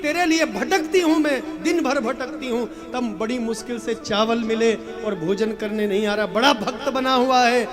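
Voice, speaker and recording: A man's voice: steady tone, measured pace, few pauses. A man putting on a furious poor mother. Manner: shrill, scolding outbursts. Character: poor hungry mother, desperate then furious. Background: instrumental music.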